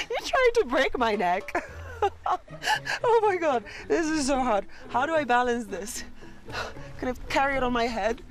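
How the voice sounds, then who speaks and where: Slow-talking woman, out of breath, vlogging outdoors on a mountain with music underneath. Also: high voice, big pitch swings. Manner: breathless, exclaiming. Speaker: travel vlogger. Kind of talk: on-camera vlog.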